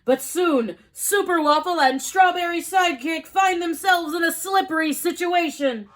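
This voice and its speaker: A woman hosting a children's storytime, reading a picture book aloud in a bright, sing-song manner. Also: very high-pitched, moderate pace. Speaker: storytime host.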